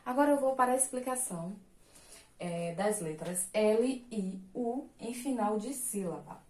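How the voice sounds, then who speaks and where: A woman teaches a recorded class in a patient, explanatory way. She checks in often with her students at a middle pitch. The room around her is echoey. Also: expressive, unhurried, a little mellow. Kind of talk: recorded online class lesson.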